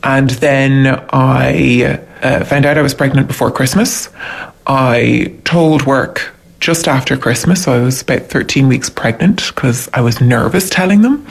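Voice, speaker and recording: A woman, her voice altered to sound deeper for anonymity, talking hesitantly about her own experience as a new mother at home. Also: gravelly, breathy edge. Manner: hesitant, halting, with many fillers. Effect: voice altered to sound deeper, disguising her. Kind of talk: personal account in a news report.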